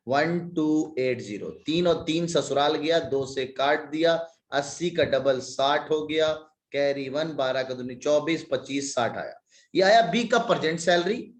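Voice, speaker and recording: A man's voice: mid-range voice, reverberant. A man teaching a maths class online, working sums aloud step by step with joking asides, slightly stuffy from a cold. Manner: talks through sums step by step, jokey asides.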